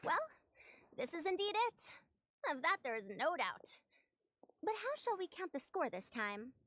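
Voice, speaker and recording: A woman voicing a sharp, formal woman scholar with an old-fashioned way of speaking. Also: very high-pitched, sing-song, measured pace, no room sound, exaggerated voice.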